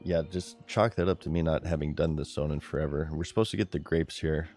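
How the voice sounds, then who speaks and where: Male streamer, deep voice, excitable chatty play-by-play with soft music underneath. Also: a little fast. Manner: excitable, chatty, talks to his chat. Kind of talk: live gameplay commentary.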